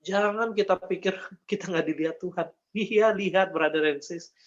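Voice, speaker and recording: Man, high voice, earnest faith testimony, dull lo-fi sound. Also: normal speed. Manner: earnest, repeats phrases, addresses listeners as brother and sis. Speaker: guest giving a testimony.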